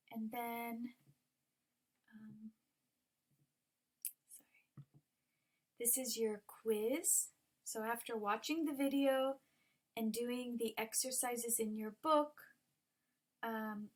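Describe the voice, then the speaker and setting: A woman ESL teacher walking students through an online lesson, explaining patiently with many ums. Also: fairly high pitch. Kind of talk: recorded online lesson walkthrough.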